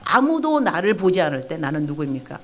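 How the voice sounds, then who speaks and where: Animated woman pastor preaching, chatty. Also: low-pitched, a little fast. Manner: animated storytelling with quoted outbursts and chatty asides. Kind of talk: lively evangelistic sermon to young adults. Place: church hall.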